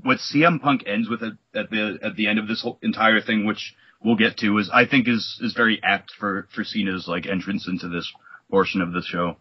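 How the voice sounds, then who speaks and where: Low, husky man rambling casually. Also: a little fast, no room sound, highs cut off. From New York. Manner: rambling, full of "like" and restarts. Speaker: podcast co-host. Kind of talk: casual chat recapping wrestling.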